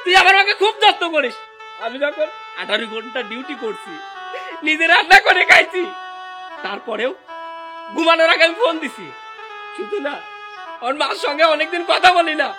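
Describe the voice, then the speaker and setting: A man's voice: very high-pitched, expressive, moderate pace, long pauses, pushed and bright, heavily acted. A man playing a son working abroad who finds his mother begging, speaking with emotional, pleading cries that turn to scolding. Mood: furious. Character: anguished son, angry at his wife. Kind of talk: melodramatic short drama acting. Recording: music underneath.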